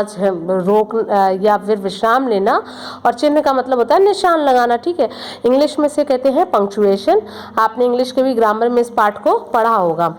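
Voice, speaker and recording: A woman's voice: a little high, a little mellow. A woman teaching a grammar lesson to children, explaining step by step, repeating examples and checking in often.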